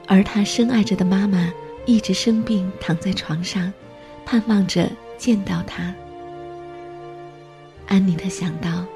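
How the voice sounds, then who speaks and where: A woman narrating a storybook in a gentle, even-paced reading voice. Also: mid-range voice. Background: faint music.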